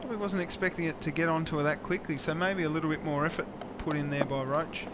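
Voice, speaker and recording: A man with a Tasmanian Australian accent calls cricket live in a conversational way. His voice sits a little high for a man. Heavy outdoor noise with traffic ambience runs behind him. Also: fairly even intonation, quick pace. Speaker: play-by-play cricket commentator. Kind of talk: live sports commentary, conversational.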